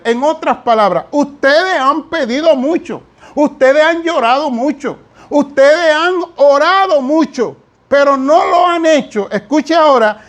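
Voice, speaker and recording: A male pastor delivers a sermon in a high voice, pressing his points with repetition. He keeps turning to the congregation and telling them to listen closely. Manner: emphatic, repetitive preaching with asides to the congregation.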